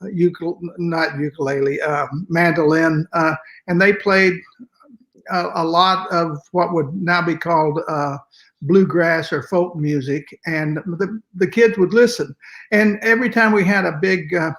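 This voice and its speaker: An older man with a West Texas accent and twang, reminiscing conversationally in a folksy, halting way as an interview guest. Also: fairly high pitch, steady tone, a bit bright. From West Texas, United States. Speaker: interview guest, music educator.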